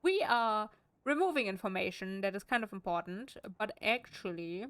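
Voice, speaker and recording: A woman's voice: mid-range voice, expressive, moderate pace, a bit bright, no room sound. Chatty German-accented woman streamer. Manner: chatty, wry, switches into German asides. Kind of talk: casual game commentary, reading in-game text aloud.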